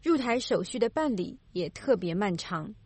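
Female news reporter, formal and measured, with a mid-range voice and a dry studio sound. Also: medium pitch, lively intonation, a little mellow, breathy edge, no room sound. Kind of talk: scripted news narration.

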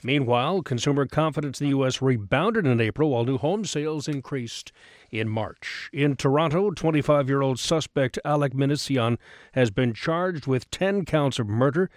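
Guy reading radio news, scripted, mid pitch, really dry studio sound. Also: moderate pace, no room sound.

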